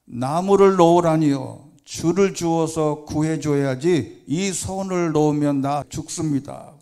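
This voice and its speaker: A frantic, pleading male deacon shouts up a cliff in a raised, strained voice, as a preacher acts him out. The tone is mellow and dark underneath the panic. He begs and bargains, loud and breathless. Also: on the high side, a little slow. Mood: desperate pleading. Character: panicked middle-aged male church deacon hanging from cliff.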